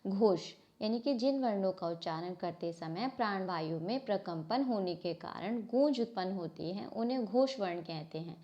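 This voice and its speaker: A woman's voice: medium pitch, lively intonation, moderate pace, few pauses, dark tone. A woman teaching Hindi grammar to a class, asking questions and answering them herself, often stopping to correct herself. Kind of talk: classroom lesson explaining from a book. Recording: slightly dull lo-fi sound.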